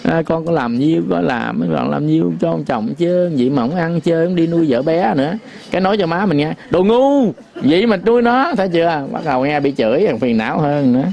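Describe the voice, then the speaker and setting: A man giving a Buddhist sermon, folksy and repetitive, sometimes chanting verse lines slowly. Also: on the high side, vocal fry, a little mellow, slight background noise. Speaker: Buddhist teacher.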